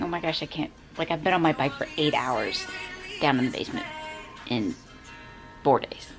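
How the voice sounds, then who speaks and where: A woman's voice: mid-range voice, rough recording. A woman talking casually to the camera in a vlog about her training, chatty and full of filler words. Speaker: vlogger training for a triathlon.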